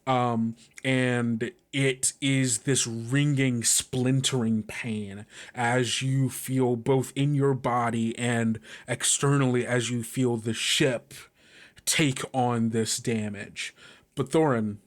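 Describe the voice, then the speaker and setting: Acting as game master for a tabletop game, a man improvises vivid descriptions in halting phrases he pieces together as he goes. His pitch is medium and his tone steady.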